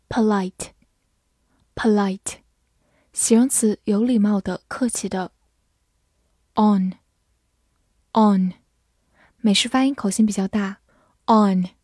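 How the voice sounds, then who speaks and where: A woman teaching English vocabulary in a scripted lesson, spelling words letter by letter and reading example sentences slowly. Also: mid-range voice, husky, no echo, studio quality. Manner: measured, even explanatory delivery in Chinese with English words.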